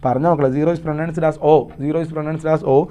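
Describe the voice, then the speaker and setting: Emphatic coaching teacher, mellow voice. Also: male voice, a little high, flat delivery, takes it slowly. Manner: mixes Malayalam and English, repeats checks like "are you understanding"; emphatic, drills key points with repetition. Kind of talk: live online lesson.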